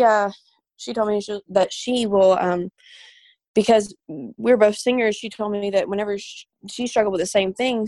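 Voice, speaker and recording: A woman's voice: medium pitch, a little mellow, dry recording. A woman singer, a guest, talking casually and emotionally with many fillers and restarts. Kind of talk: casual interview talk.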